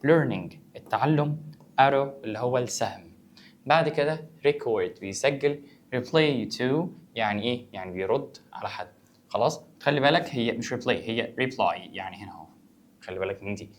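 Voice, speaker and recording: A man's voice: mid-range voice, expressive, normal speed. A male English teacher with an Egyptian Arabic accent, going through vocabulary and asking and answering his own questions in a conversational way. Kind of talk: vocabulary lesson for students.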